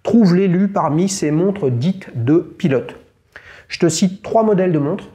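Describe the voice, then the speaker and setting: Guy hosting a chat, jokey quizmaster energy, slightly high voice. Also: lively intonation, unhurried, mellow, muffled recording. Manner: playful, teasing quizmaster. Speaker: host. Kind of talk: casual interview and quiz.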